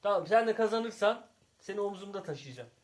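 With a high-pitched, expressive voice that runs a little fast, a dad hosting his family vlog playfully teases everyone. He shouts out the game scores between fits of laughter.

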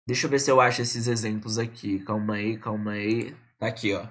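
A man from Brazil teaching a live online English lesson, casual and chatty, repeating words slowly to model pronunciation. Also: on the low side, level tone, a bit bright. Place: indoors at a computer, streaming live.

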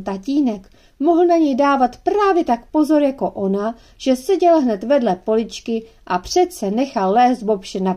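A woman narrating a children's audiobook in a gentle, measured storytelling manner. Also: on the high side.

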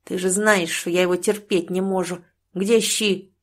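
A woman's voice: on the low side, steady tone, unhurried. Grumbly rude village guy, woman reading him, dismissive and lazy. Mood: gruff. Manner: gruff, dismissive.

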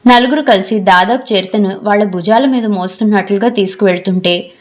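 A woman narrating a novel as an audiobook reader, in a measured, expressive storytelling manner. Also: medium pitch.

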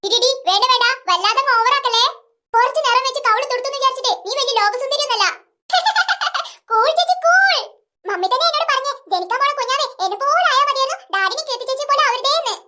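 Sassy little girl, shrill and bright, teasing; a woman voices her. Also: racing. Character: chatty cheeky little girl.

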